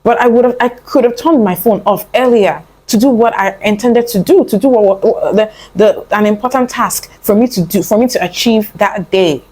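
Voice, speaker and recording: Medium-pitched and a little mellow, a young woman talks at a moderate pace with few pauses on a rough recording. She's a motivational vlogger speaking casually to camera, sisterly, earnest and coaxing, calling the listener "my love" and "honey" in a loose, rambling way full of fillers and restarts.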